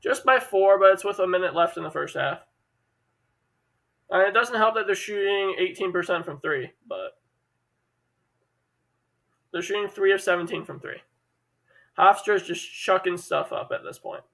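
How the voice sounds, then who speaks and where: A male commentator from Chicago shares hosting duties on a casual sports stream, teasing his co-host between rapid play calls. His high voice is gravelly with a fairly bright edge, and the audio is rough.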